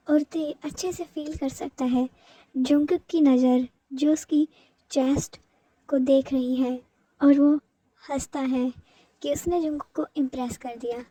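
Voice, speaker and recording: A woman narrating a fan fiction story in a plain, steady reading voice. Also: high voice, rough recording.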